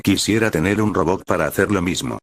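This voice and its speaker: Un hombre que pone voz a un chico alegre y bromista, con tono animado. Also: male voice, deep voice, a little fast, no room sound, studio quality.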